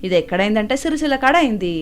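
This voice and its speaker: A woman's voice: mid-range voice, animated, rapid-fire. A woman with a Telangana accent narrating satirical news voice-over with wry, mocking commentary. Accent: Telangana Telugu.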